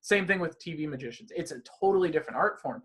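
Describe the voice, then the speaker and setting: Lively, higher-voiced man telling stories. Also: fast, breathy edge. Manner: animated, talks in long rambling runs. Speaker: magician guest. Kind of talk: casual interview conversation.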